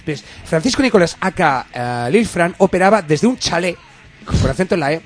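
A man co-hosting a comedy radio show, playful, slangy and animated, acting out scenes as he talks. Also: sits high, normal speed.

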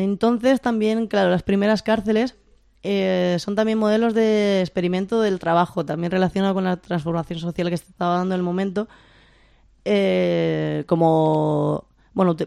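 An androgynous, mid-pitched voice with a Spain accent and a lisp. It is smooth with some vocal fry, recorded very dry. The speaker explains ideas informally and haltingly, checking in with little tag questions. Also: steady tone, darkish tone, dry recording. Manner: lisping, pronouncing s as th. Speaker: discussion leader.

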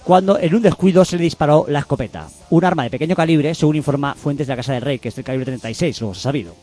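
A man hosting a comedy show, reading the news aloud with sardonic, deadpan asides. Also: on the high side, racing. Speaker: host.

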